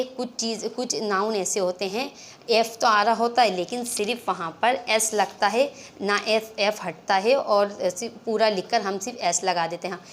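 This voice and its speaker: A woman's voice: mid-range voice, slight background noise. Patient woman teaching grammar. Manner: patient, keeps checking in with "clear?" and "theek hai". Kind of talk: explaining a grammar lesson.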